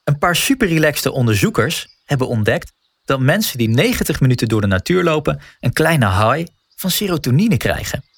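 A man's voice: a little high, sing-song, normal speed, breathy edge, no room sound. A man narrating a scripted guided wellness walk as a coach, speaking informally and encouragingly straight to the listener.

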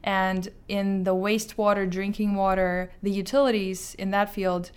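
A woman answers questions as an interview guest. Her voice sits at an average pitch for a woman and comes across smooth and clear. The delivery is conversational. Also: flat delivery, moderate pace, a little mellow. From Azerbaijan. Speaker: interview guest, startup founder.

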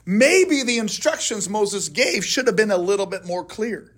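This pastor's voice is high-pitched, expressive, a bit bright, and a little slow. Leading a relaxed Bible study in a church classroom, he peppers the group with questions in a conversational way and answers his own.

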